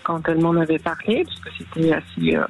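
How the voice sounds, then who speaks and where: A woman's voice: low-pitched, a little fast, gravelly, soft background music. A middle-aged woman calling in to a radio show, speaking hesitantly with many fillers over a phone line. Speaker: caller. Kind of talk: radio call-in.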